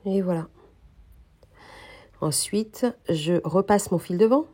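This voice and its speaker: A woman with a soft, mellow voice talks through a knitting tutorial at an even pace. She sounds a little nasal and stuffy from a cold, pausing often with small hesitations as she explains each stitch. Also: fairly low pitch, breathy edge. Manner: calm, hesitant explaining with many pauses. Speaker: knitting instructor.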